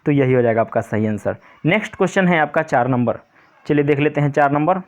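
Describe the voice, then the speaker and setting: A male teacher explaining an English grammar lesson to pupils, patient and repetitive. He reads the English example sentences slowly, word by word. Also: on the high side. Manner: repetitive, patient, keeps saying "pay attention".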